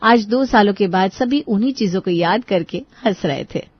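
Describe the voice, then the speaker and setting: A woman narrating a cartoon story in a calm, even way. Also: medium pitch, normal speed, dry recording, muffled recording.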